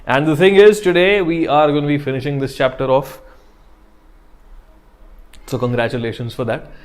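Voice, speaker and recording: A man's voice: mid-range voice, a little mellow. A young man with a North Indian accent teaches online in a conversational, encouraging lecture style, addressing his students directly and informally. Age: young adult. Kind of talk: conversational lecture to students, mixing English and Hindi. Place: indoor studio in front of a digital board.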